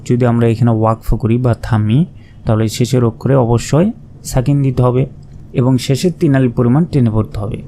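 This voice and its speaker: A man teaching recitation, spelling out each syllable slowly and then reciting with long drawn-out vowels. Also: medium pitch, fairly even intonation, dark tone, slight background noise. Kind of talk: slow spelled-out pronunciation lesson.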